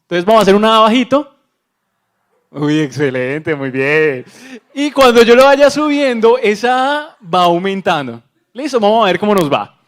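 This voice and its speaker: Playful man leading an auditorium game. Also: very animated. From Colombia. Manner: playful, drawn-out calls with pitch swings. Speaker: activity leader at a conference. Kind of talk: leading an audience call-and-response game. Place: large auditorium.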